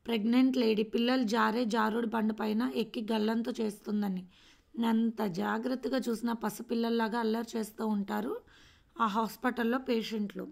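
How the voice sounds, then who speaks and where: A woman reading a family drama story aloud in a gentle, emotive storytelling manner. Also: on the high side, gravelly. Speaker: story reader. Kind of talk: read-aloud story narration.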